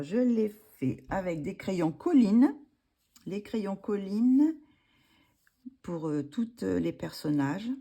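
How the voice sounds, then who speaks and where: A woman chats at home about her finished coloring pages. Her voice sits low and sounds warm and mellow. She keeps pausing on fillers and correcting herself as she goes. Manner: hesitant, many fillers and self-corrections. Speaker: coloring hobby vlogger. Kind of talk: casual show-and-tell of finished coloring pages.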